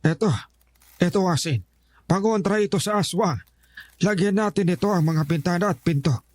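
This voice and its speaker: A man's voice: sits high, normal speed, no room sound, natural voice. An actor playing a stern, protective old grandfather in an audio horror drama, giving urgent warnings. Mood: grave. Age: older.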